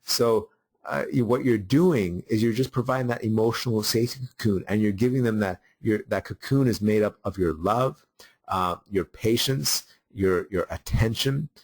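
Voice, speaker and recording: Middle-aged male webinar host, lowish voice, unscripted and rambling, keeps restarting his sentences. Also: a little mellow. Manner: halting, many fillers and restarts. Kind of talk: unscripted teaching talk.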